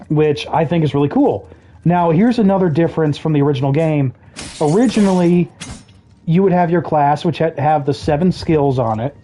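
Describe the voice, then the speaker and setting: A game streamer chatting casually over gameplay, explaining mechanics with dry jokey asides, throat a bit rough with the odd cough. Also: medium pitch, mellow. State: throat trouble, occasional coughing.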